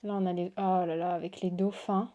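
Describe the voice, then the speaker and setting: A woman's voice: lowish voice, flat delivery, fairly quick, dark tone, lo-fi sound. A woman hosting a casual unboxing chat, gushing and exclamatory as she shows cards to her viewers. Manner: gushing, exclamatory, lots of waouh and oh là là. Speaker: tarot reader and channel host.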